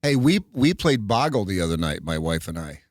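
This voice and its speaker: A middle-aged man hosting a radio show, chatting casually, animated and quick to laugh, often restarting his sentences. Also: low-pitched, a crowd in the background. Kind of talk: casual chat.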